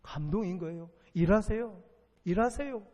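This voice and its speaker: A man's voice: high-pitched, normal speed, darkish tone, highs cut off. A man preaching a sermon as pastor, emphatic and repetitive, firing rhetorical questions at his congregation. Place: church sanctuary. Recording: long reverb of a church sanctuary.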